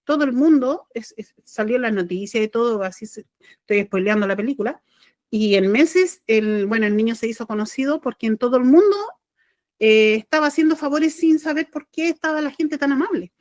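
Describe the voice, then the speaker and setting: With a slightly high, slightly quick and mellow voice, a middle-aged Chilean-accented woman tells a personal story on her podcast, where she works as a spiritual channeler. The dry, clean studio recording catches her meandering, sincere delivery and frequent self-corrections.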